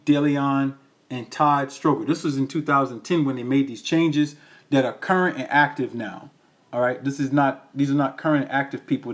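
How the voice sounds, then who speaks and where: A man giving impassioned commentary as he reads from a county ordinance, asking "all right?" after his points and rising into an emphatic, preacher-like tone. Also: mid-range voice. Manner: tags lines with "all right?". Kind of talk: impassioned commentary reading from documents.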